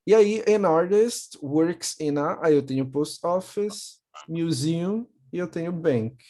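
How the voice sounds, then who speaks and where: A young man with a Brazilian accent teaching English to children in a video call, patiently repeating words slowly. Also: on the high side, lively intonation, warm tone. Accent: Brazilian Portuguese. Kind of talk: online class for children.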